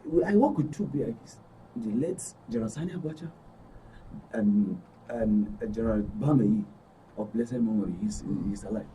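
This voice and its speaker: A studio guest with a Nigerian accent shares a personal story conversationally, repeating and rephrasing points for emphasis. His voice is fairly low and dark at a moderate pace, picked up by a dull, distant mic with faint background noise.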